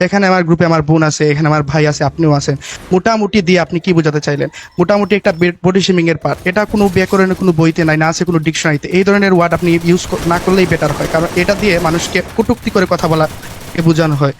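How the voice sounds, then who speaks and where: Rapid-fire preachy young man. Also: sits high, fairly even intonation, slight background noise. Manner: rapid, pedantic, moralizing. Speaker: gamer comedian lecturing a friend. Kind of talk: mock-preachy comic rant.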